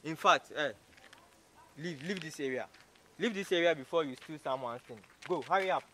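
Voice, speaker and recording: A man's voice: on the high side, moderate pace, a bit bright, a little hiss or hum, close to an everyday voice. An actor playing a rude, arrogant man who mocks and insults a stranger, stammering and repeating himself as he scolds her. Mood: angry. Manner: scornful, mocking, repeats himself in stammering bursts. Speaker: actor in a short film. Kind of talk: short-film drama acting.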